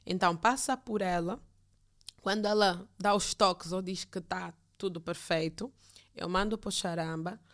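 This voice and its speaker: A woman's voice: on the low side, moderate pace. A woman, talking casually and expressively as a podcast guest, telling stories and acting out what people said. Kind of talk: casual conversational storytelling.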